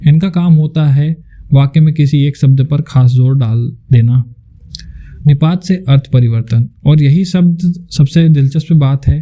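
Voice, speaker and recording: A man narrating a scripted lesson as a teacher, explaining in a clear, measured way. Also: on the high side, warm tone.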